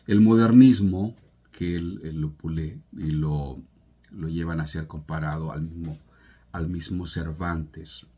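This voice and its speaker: A man's voice: rumbling low, fairly even intonation, slow pace, dark tone, slightly rough. A man from El Salvador giving an earnest, informal talk on a poet's life and legacy, with restarts and emphatic rises. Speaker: literature presenter.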